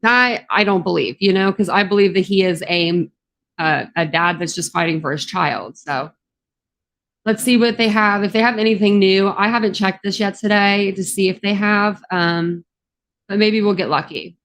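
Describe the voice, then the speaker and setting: A true crime YouTuber with a Southern drawl chats casually on a livestream, her medium-pitched, fairly bright voice a bit scratchy from the morning. She speaks at a moderate pace and rambles with plenty of ums.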